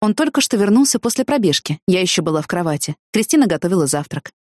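A woman narrating a first-person audiobook with expressive storytelling. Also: on the low side, fast talker, no room sound, clean studio sound.

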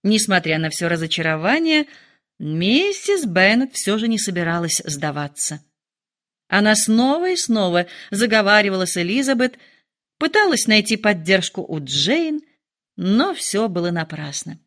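Expressive woman narrating an audiobook. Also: mid-range voice, normal speed. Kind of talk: audiobook reading.

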